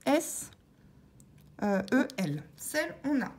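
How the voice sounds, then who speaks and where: A woman vlogger talking through her scratch-card tickets, calmly spelling out letters one by one as she checks each word, with scratching sounds behind her. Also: sits high, extremely slow, a little hiss or hum. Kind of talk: casual narration while scratching tickets.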